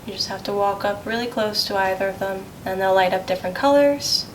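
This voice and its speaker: A woman's voice: mid-range voice, a little fast, roomy sound. A woman in her twenties asking spirits questions and chatting casually as a paranormal investigator. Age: 20s. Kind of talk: hushed ghost-hunt questions and casual chat. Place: indoors in a dark old mansion. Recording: noisy location sound with clicks.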